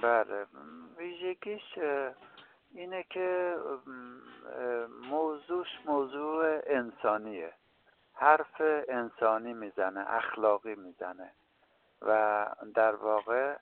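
A man's voice: medium pitch, clear, resonant tone, narrow, tinny audio. A man answering questions as a filmmaker in a radio interview, hesitant and full of filler sounds. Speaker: filmmaker guest.

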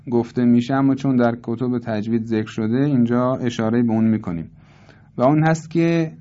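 Man slowly teaching Quran recitation rules. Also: mid-range voice, dull audio. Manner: calm explaining, slowly demonstrating recited words. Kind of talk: tajweed lesson.

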